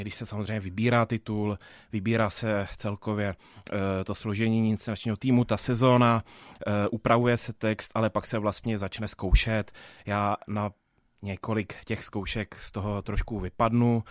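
A man's voice: fairly low pitch, little pitch movement, dry recording, studio quality. A young man, a theatre dramaturg answering interview questions thoughtfully, with many fillers and restarts. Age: 20s.

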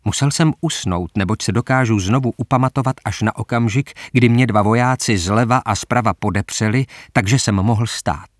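Low-voiced man reading a story. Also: hardly any pauses, no echo, clean studio sound. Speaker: audiobook narrator. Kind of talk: scripted first-person narration.

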